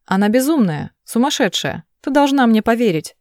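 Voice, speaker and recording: A woman's voice: a little high, animated, normal speed, darkish tone, no echo, clean studio sound, pitched above the performer's own voice, lightly acted. Woman reading as a snapping controlling man. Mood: angry defensive. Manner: snapping, defensive. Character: angry controlling young man, defensive.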